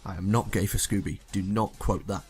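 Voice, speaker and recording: A young man with a low, darkish, steady voice speaks briskly, reading a story aloud and chatting casually as a comic YouTuber. The content mixes scripted narration with offhand comic commentary, and faint music plays behind him.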